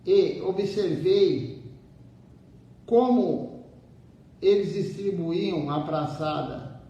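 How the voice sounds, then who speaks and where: A man's voice: very slow, mellow, highs cut off. A man giving a devotional sermon in a temple. He urges his listeners and repeats key phrases over and over. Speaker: temple speaker. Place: temple hall. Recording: echoey temple room from far off, faint rumble.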